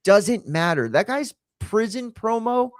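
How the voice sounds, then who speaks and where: A man co-hosting a late-night wrestling talk show, excitable and swearing freely in casual chat. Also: high-pitched, a little slow, dry recording, clean studio sound. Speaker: podcast co-host.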